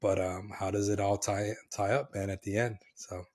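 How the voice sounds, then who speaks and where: A man co-hosting a casual podcast, a bit hoarse, talking with energy and calling his co-host brother. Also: lowish voice, fairly even intonation, normal speed, a little mellow.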